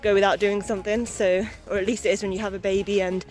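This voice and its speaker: A woman's voice: medium pitch, flat delivery, fast talker, darkish tone, faint music behind, rough recording. A young adult woman chatting candidly and in a rambling way for a casual vlog while out walking outdoors. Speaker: vlogger, new mother. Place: outdoors on a walk.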